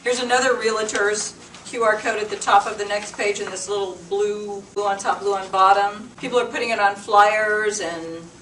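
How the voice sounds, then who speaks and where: At a business meetup, a presenter talks informally to a small group in a meeting room, explaining things in plain terms. Her mid-range voice is steady and a bit bright, at a moderate pace. A distant mic gives the recording a roomy sound with clear noise.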